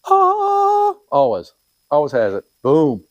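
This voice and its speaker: A man's voice: medium pitch, expressive, moderate pace, darkish tone, no echo, poor audio. A middle-aged man from Wisconsin talking casually to the camera while repairing equipment in his workshop, rambling and talking to himself. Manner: rambling, talks to himself, playful. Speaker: DIY repair vlogger.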